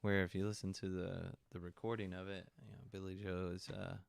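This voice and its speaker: A man who works as a music therapist, talking quietly and casually about songs on a live stream. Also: deep voice, little pitch movement, fairly quick, creaky, clean tone, no room sound.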